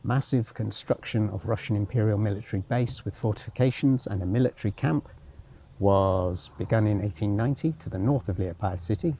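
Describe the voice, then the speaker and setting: A man speaks fairly quickly in a fairly low, dark voice, with a little hiss or hum in the audio. As a travel vlogger walking outdoors through a former military town, he muses aloud without a script, adds wry asides and sometimes reads signs.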